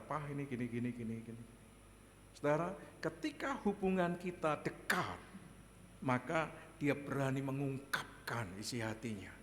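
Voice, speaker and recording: A male pastor preaching a sermon, telling a personal story in an animated way, chuckling often and addressing the congregation directly. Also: mid-range voice. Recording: echoey hall, faint background noise.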